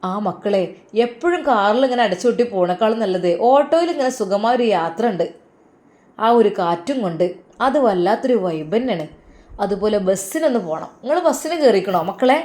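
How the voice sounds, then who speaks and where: A woman voicing a gentle young father who soothes his children with soft reassurance, in a Malappuram accent. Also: mid-range voice, expressive, fairly quick, close to an everyday voice. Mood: cheerful. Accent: Malappuram Malayalam.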